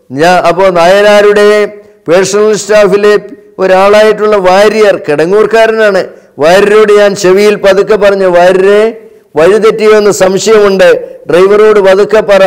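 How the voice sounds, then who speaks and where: A man's voice: high-pitched, clear, resonant tone. An older man recounting personal memories as an interview guest, in a vivid, anecdotal way. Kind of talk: memoir storytelling.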